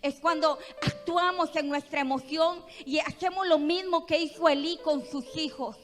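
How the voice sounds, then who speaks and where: A woman pastor with a Costa Rican accent, preaching a sermon in a church with impassioned, emphatic delivery that swells to loud peaks. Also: high-pitched, fairly even intonation, normal speed. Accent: Costa Rican Spanish. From Costa Rica. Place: church hall. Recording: reverberant church hall with music.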